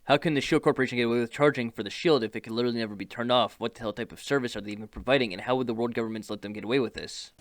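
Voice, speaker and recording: A man narrating a scripted film review voice-over in a brisk, wry manner, rattling off critical questions. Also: mid-range voice, a little hiss or hum. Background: background music.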